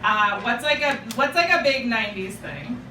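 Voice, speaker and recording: This young stand-up comedian from Japan, a native Japanese speaker, jokes at her own expense and chats back and forth with a live club crowd. She speaks at a moderate pace in a somewhat high voice with lively intonation. The distant, roomy recording carries noise in the background.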